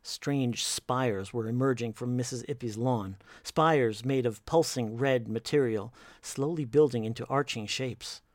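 A man narrating a horror story in a slow, measured, hushed delivery. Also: mid-range voice, no room sound, studio quality.

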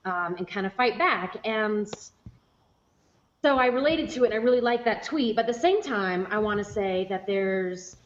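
A woman's voice: medium pitch, lively intonation, normal speed. A woman co-hosting a casual faith-based talk show, chatty and a little hesitant, with many fillers. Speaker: podcast co-host. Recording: slightly muffled audio with faint noise.

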